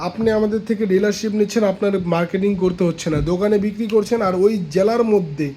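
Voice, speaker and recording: A man from Bangladesh giving a casual sales pitch, persuasive and repetitive, pointing out products as he talks. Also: fast, mellow, a little hiss or hum, rough recording. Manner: persuasive, repeats points, shows products while talking. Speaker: seller pitching a pigeon feed dealership.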